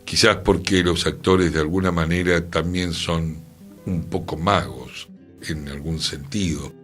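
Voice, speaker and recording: In a radio studio with music playing behind him, a man with an Argentine accent hosts a talk on culture, musing in a conversational way. His voice sits low and a bit bright, with a steady tone and a slightly slow delivery.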